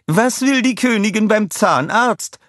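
A man voicing a sardonic, grumpy old queen in a storybook, with high, scornful lines. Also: animated, measured pace, fairly bright tone, no room sound, studio quality. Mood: joking.

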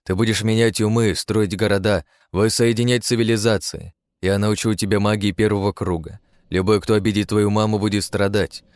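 A man's voice: lowish voice, fairly even intonation, moderate pace, hardly any pauses, clean tone, no echo, clean studio sound, close to an everyday voice. A man voicing a scheming male protagonist who talks like a demon, coaxing and menacing in a storybook reading. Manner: cold, coaxing, menacing persuasion.

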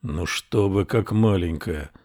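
A man voicing a kindly country gendarme in an audiobook, speaking low and soft to calm someone. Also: takes it slowly, no room sound, clean studio sound. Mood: soothing. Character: gruff but kindly male country gendarme.

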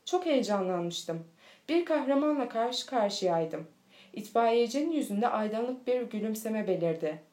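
A woman reading a children's storybook aloud in a steady, clear manner. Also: a little high, a little slow. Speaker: audiobook reader. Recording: echoey room.

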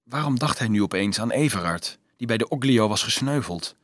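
A male audiobook narrator with a mid-pitched, slightly husky voice, reading in a dramatic and expressive way. His pitch rises and falls a lot with the tension of the story, and the close recording is dry, with no room echo. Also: brisk. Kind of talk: scripted narration.

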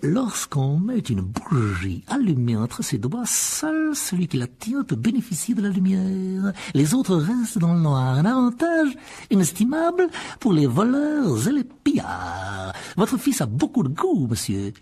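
A man reading an audiobook, voicing an oily, fawning middle-aged shopkeeper who draws out his words in a slow, unctuous way. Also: mid-range voice, lively intonation, dark tone, husky. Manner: unctuous, drawn-out, swooping delivery.

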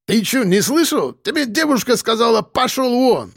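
A man's voice: mid-range voice, big pitch swings, moderate pace, darkish tone, husky, no echo, clean studio sound. A man reading an audiobook, voicing a drunk, menacing man who barks his threats. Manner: menacing, barking.

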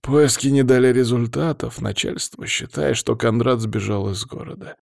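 A man's voice: mid-range voice, normal speed, gravelly, darkish tone, dry recording, clean studio sound, voice pushed up, close to an everyday voice. A man reading an audiobook, voicing a nervous, apologetic male police colleague who sounds strained.

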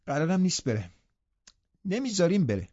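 A man voicing a sickly, spoiled boy in an audiobook, speaking quietly and sulkily. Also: on the high side, big pitch swings, dry recording, highs cut off, pitched above the performer's own voice. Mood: sullen. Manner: quiet, sulky, mumbling. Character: sickly spoiled boy, sullen and soft-voiced.

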